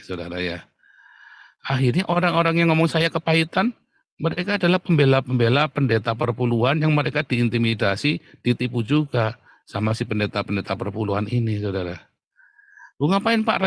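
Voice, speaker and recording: A man's voice: mid-range voice, no room sound. Blunt mocking man preaching. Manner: mocking, blunt, laughs often. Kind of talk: combative preaching talk.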